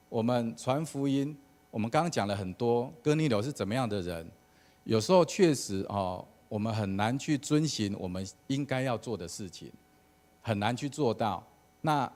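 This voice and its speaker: A man's voice: medium pitch, animated, moderate pace, darkish tone. A man, a church elder giving a casual sermon with an anecdote at a prayer meeting. He talks conversationally and often starts phrases with "好" and "哦".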